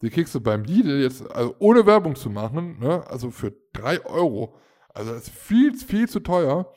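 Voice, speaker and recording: A man's voice: on the high side, sing-song, moderate pace, darkish tone. A man in his thirties casually telling a long anecdote, rambling with fillers and acting out the people he quotes. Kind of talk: casual storytelling chat.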